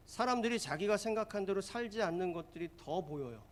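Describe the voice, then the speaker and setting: Storytelling preacher with a slightly high voice. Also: male voice, animated, brisk. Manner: storytelling, asks the congregation questions. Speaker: pastor. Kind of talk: sermon.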